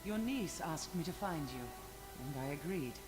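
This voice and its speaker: An actress playing a stern, dutiful crusader warrior in a video game, solemn, formal and determined. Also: female voice, sits low, lively intonation, normal speed, music in the background. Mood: resolute, solemn. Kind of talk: video game character acting.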